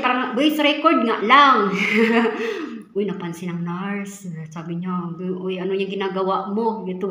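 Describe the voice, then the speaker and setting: A woman's voice: on the high side, sharp tone. A young Filipina woman, a caretaker, telling a story in a casual vlog, chatty and full of fillers, often speaking to her viewers. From Philippines. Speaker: caretaker for an elderly woman in Taiwan. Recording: echoey room.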